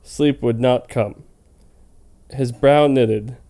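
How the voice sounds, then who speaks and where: Extremely slow, the man's warm, mid-range voice holds fairly even intonation. He's reading fan fiction aloud for a comedy web series in an informal, comedic way, now and then tripping over words, slipping in jokes and easily bursting into laughter.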